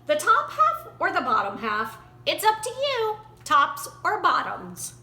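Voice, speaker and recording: A woman's voice: very high-pitched, wildly swooping pitch, a little slow, bright, forceful tone, voice pushed up, full character voice. A woman voicing a chipper, crafty male hare in a children's storybook, coaxing in a perky, sing-song way. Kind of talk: children's picture-book character reading. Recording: roomy echo, faint background noise.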